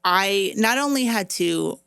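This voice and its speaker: A middle-aged woman co-hosting a podcast, telling an embarrassing story in a casual, animated way and laughing as she goes. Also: medium pitch, measured pace, creaky, smooth, dry recording, studio quality. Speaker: podcast co-host.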